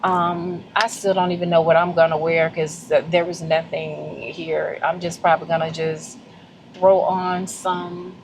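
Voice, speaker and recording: Southern woman vlogger, drawn-out delivery, warm and effusive, slight background noise. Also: on the low side. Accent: Southern American. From Southern United States. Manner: effusive, animated, heartfelt, addresses viewers as y'all. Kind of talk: casual vlog chat.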